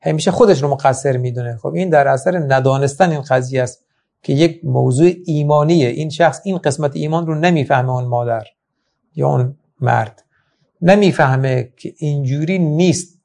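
A man's voice: fairly high pitch, vocal fry, a little mellow. A man teaching a Quran lesson in an emphatic manner, with many rhetorical questions. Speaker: religious teacher. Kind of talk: Quran lecture.

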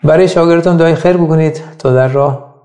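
A man's voice: a little high, mellow, echoey room. A man teaching as a Quran teacher, explaining patiently and thoughtfully with examples in a religious lesson.

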